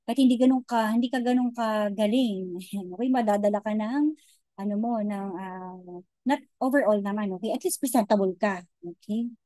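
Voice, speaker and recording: A woman giving an informal online lecture, mixing Tagalog and English, often checking in with "okay?" and pausing to search for words. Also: mid-range voice, mellow, no echo, poor audio. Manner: chatty Taglish, frequent "okay?" and "di ba?" check-ins; many hesitations and restarts.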